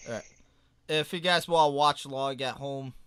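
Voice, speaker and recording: A man co-hosts a casual podcast and trades blunt, mocking jokes. His voice is bright and clear. The room sounds dry, with no echo. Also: mid-range voice, normal speed. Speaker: podcast co-host.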